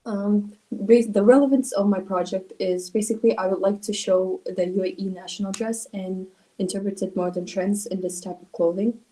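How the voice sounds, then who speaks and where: A woman from Russia, presenting her school project over a video call in an earnest way with many pauses. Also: mid-range voice, steady tone, mellow, low-quality recording. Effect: on a video call, sharing her screen.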